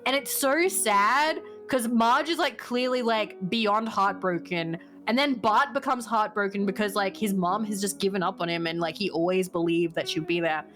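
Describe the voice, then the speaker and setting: A woman's voice: mid-range voice, moderate pace, few pauses, fairly bright tone, soft background music. A woman in her late twenties, a streamer, chatting casually and thinking aloud with lots of fillers. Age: 20s. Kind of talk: casual chat.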